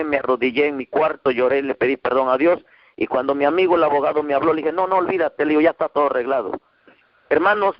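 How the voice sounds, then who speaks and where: A man from Mexico preaching a testimony sermon to his congregation, telling his story with emotion and quoting the voices of others. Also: no echo. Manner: emotional storytelling, quoting dialogue with rising pitch. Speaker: pastor. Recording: dull muffled dry sound.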